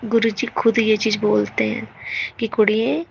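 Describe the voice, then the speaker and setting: A woman's voice: medium pitch, monotone, unhurried, creaky, a little hiss or hum. A woman earnestly telling her own devotional experiences to a congregation, often calling out to the listeners. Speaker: devotee sharing testimony. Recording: dull lo-fi recording.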